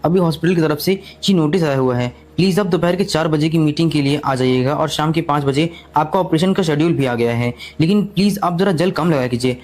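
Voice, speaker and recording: Guy voicing a nurse lady laying out hospital rules, formal, brisk. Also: a little high, darkish tone, close to an everyday voice. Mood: firm. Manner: formal and explanatory. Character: dutiful female hospital nurse, polite but firm.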